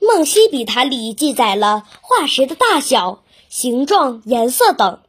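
A woman narrating a scripted history lesson for children, explaining things as if to a child, with simple questions. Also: sits high.

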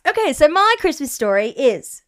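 A woman's voice: sits high, very animated, moderate pace. Laughing woman reading an article. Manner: laughs often, swears, stumbles while reading. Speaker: podcast co-host. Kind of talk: casual podcast chat, reading an article aloud.

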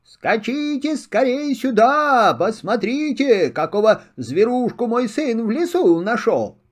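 A kind mother hare in a children's storybook, gentle and motherly, as an older man puts her on. She speaks slowly with a lively, rising pitch. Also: heavily acted. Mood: calling.

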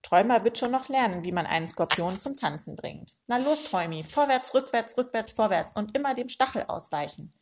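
A woman voicing a gruff, bossy old male meerkat uncle who barks orders. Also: on the high side, animated, a little fast, hardly any pauses, noisy background. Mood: commanding. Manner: barking commands.

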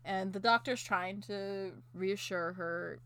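A woman's voice: medium pitch, slow, fairly bright tone. A woman in casual chat, recapping an anime episode with a co-host, laughing often and acting out the characters' lines with sarcastic quips.

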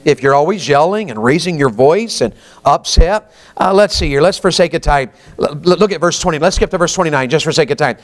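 A man's voice: on the high side, expressive, brisk. Folksy preacher man in his fifties. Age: 50s. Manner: folksy, asks the congregation questions often. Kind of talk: sermon.

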